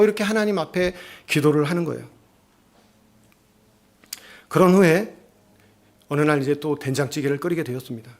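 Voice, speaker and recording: A man's voice: on the high side, creaky. A male pastor giving a sermon, telling a family story and acting out its voices. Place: church.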